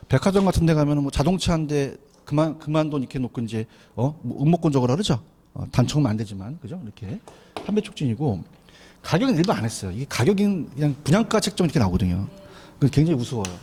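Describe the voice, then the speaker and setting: A man giving an exam prep lecture, animated, often asking students to repeat after him. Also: a little high, fast, breathy edge. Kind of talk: classroom lecture.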